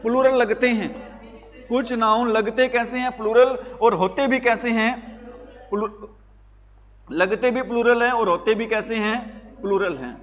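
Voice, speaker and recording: High-voiced male teacher quizzing a class. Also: big-room sound. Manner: quizzing students with repeated questions. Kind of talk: classroom grammar lesson.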